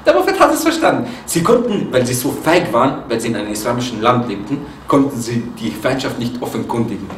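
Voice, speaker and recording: Lively preacher man in echoey room. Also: medium pitch, fast talker, few pauses. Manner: lively, mixes Arabic quotes into German, asks listeners questions. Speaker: Islamic preacher. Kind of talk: religious lecture. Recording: echoey room, from far off, faint noise.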